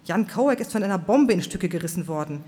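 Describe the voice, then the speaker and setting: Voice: mid-range voice, lively intonation, fairly quick, mellow, slightly rough. A reader voicing a coarse bearded lady who speaks bluntly and grimly, heard in a reverberant hall. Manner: blunt, vulgar, grim.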